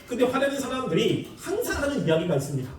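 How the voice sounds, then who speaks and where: A man preaching a sermon in a lively, animated way, acting out the people he quotes with laughs. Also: extremely high pitch, quick pace, a little hiss or hum. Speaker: pastor. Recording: echoey room, far from the mic.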